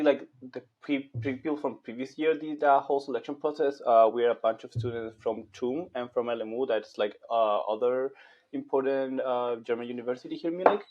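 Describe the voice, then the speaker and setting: A man's voice: mid-range voice, darkish tone. A young man from Chile chats on a video call through a headset, hunting for words between frequent fillers. His voice sits mid-range, and the call audio is a little dull and lo-fi. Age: young adult. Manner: hesitant, many fillers like "like" and "um". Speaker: guest, master's student. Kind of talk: casual interview on a video call. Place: small bright room indoors.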